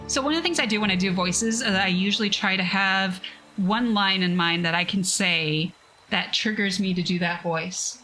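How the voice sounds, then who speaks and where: A woman with a bright, forward voice reads a story aloud on a cozy stream. She breaks off into chatty, self-deprecating asides to her viewers. Soft music plays in the background. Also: mid-range voice, moderate pace, poor audio. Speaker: streamer reading a book aloud. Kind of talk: casual reading stream.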